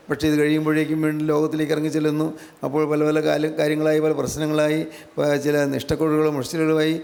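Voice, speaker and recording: An older man preaches a gospel sermon in a gravelly voice that sits a little high. He keeps his pitch level and hammers home his points by repeating phrases. A long reverb trails behind him, as in a large hall. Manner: repeats phrases in a steady, emphatic preaching cadence.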